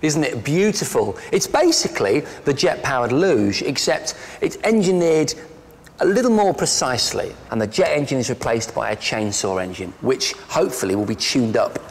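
A man's voice: medium pitch, lively intonation, normal speed, husky. A middle-aged man presenting a TV gadget show and narrating it in a playful, jokey, enthusiastic way. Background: backing music.

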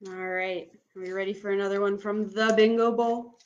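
A young woman works as a bingo caller for an online game, speaking in a medium-pitched voice. She gives casual, step-by-step instructions and announces each item, then repeats it. She is recorded indoors at home on a computer microphone. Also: steady tone, normal speed, muffled recording. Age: young adult. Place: small room at home, indoors.

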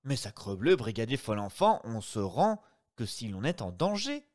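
A man doing a theatrical, mocking gentleman thief. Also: mid-range voice, moderate pace, natural voice. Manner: theatrical and teasing, with lively swings.

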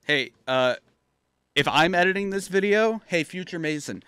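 A young man giving casual, animated livestream commentary as a streamer, blurting short reactions and repeating himself on a close desk mic. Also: sits high, moderate pace, clean tone, dry recording. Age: young adult. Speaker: streamer reacting to meme videos. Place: small room at home, indoors. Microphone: close desk microphone.

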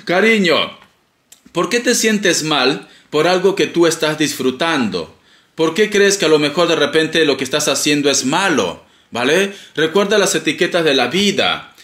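A man's voice: on the high side, lively intonation, normal speed, a bit bright. Theatrical, teasing tarot-reading man. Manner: playful, theatrical, teasing, calls listener darling. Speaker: tarot reader. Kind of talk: casual tarot reading monologue. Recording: echoey room.

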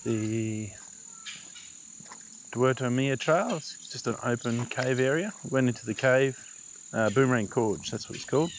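A man's voice: mid-range voice, a little slow. A man with an Australian accent chatting casually as he films an outdoor vlog. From rural Australia. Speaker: vlogger, father out with his young child. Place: outdoors on a bush trail. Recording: faint outdoor noise, insects.

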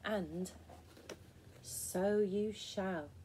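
A woman voicing an enormous hairy female spider godmother who speaks slowly and grandly in a children's storybook reading. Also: mellow, a little hiss or hum. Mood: grand, mysterious. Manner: slow, deep, stately.

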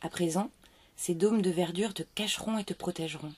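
A woman voicing a benevolent female spirit of life, calm and solemn, in a storybook reading. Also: fairly low pitch, a little fast, husky.

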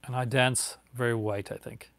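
Streaming live from an indoor room with bookshelves, a Newfoundland YouTuber in his forties chats with viewers in a light accent. His mid-range voice stays fairly flat in pitch, a bit bright, at a moderate pace with no echo, and he rambles with frequent fillers and restarts.

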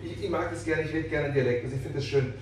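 A man's voice: on the high side, fast talker, distant mic, heavy background noise. A man in his forties from Germany, a piercer chatting casually and teasingly with a client. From Germany (Munich). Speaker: piercer, host of studio video channel. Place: small piercing studio, indoors. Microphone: camera a few metres away. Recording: very echoey small room, off-mic, music behind.

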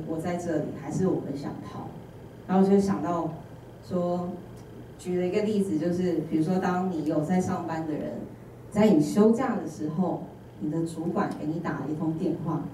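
A woman with a Taiwanese Mandarin accent delivers a sermon with mellow, low warmth, bringing it to life through funny personal anecdotes. Her voice comes from a distance across a very echoey church hall, with faint ambient noise underneath. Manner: animated storytelling with humorous personal anecdotes and acted-out dialogue. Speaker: intern preacher. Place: church sanctuary.

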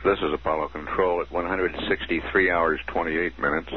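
Through a muffled, lo-fi radio transmission reminiscent of an old archive broadcast, a man with a very low voice reads off mission figures one after another. As mission control commentator, he makes formal status announcements in a crisp, measured, steady manner, while a faint hiss runs beneath.

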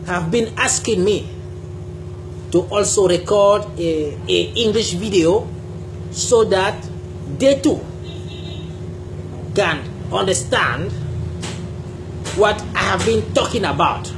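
Seated on a sofa in a small indoor room, a YouTube creator talks straight to the camera about spirituality, speaking slowly and emphatically. His voice is high-pitched, background noise can be heard, and he is a native Bassa speaker who is deliberate and gestures a lot.

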